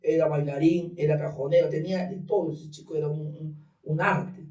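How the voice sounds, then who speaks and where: Man, lively storytelling, dark warm timbre, echoey room, distant mic. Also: a little high, moderate pace. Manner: animated storyteller acting out dialogue. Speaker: guest giving testimony. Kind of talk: personal testimony in conversation. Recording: roomy sound from off mic.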